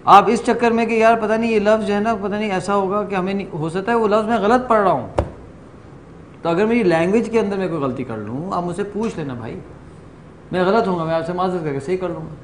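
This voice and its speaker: A middle-aged man from Pakistan leading a workshop, telling stories in an animated way and slipping into English phrases. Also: high-pitched, slight background noise. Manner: animated storyteller, acts out quoted exchanges, mixes in English. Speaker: workshop trainer. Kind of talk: lively lecture to a class. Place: training room with a group.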